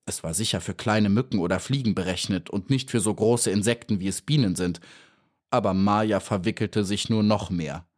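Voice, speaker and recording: A man narrating an audiobook of a children's story in a calm, measured storytelling manner. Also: lowish voice.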